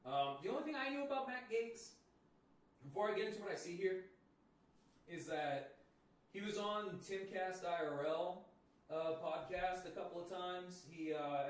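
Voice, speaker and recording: A man's voice: fairly high pitch, normal speed. A man co-hosting a casual podcast chat, profane and laid-back, laughing easily. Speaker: podcast co-host. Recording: echoey room, mic at a distance.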